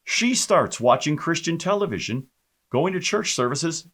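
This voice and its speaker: Animated male pastor telling his testimony. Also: on the high side, a little slow. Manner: animated storytelling with many fillers and restarts. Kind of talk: personal testimony.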